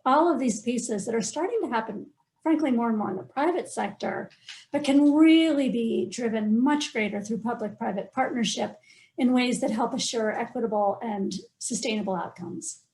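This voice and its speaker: A woman speaking as a panelist on a video call, fluent and well organized, stressing her key points. Her voice sits slightly high. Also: moderate pace, darkish tone, rough recording. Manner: fluent, structured, emphatic.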